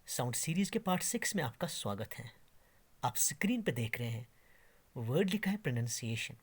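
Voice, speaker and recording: A man giving a slow, deliberate English pronunciation lesson, drawing out each word as he demonstrates. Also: medium pitch, big pitch swings, slightly rough. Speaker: English teacher. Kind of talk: classroom lesson.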